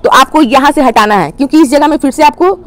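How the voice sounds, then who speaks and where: Woman, high voice, plain instructional host explaining garden care to viewers. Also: quick pace, a bit bright. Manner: plain step-by-step explaining, addresses viewers as friends. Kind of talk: instructional how-to talk.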